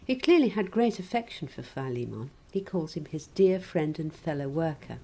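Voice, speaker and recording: Female preacher, low-ish mellow voice, animated delivery, reflective sermon with dry humor. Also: slightly rough, low-quality recording. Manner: measured, gently wry reflective preaching.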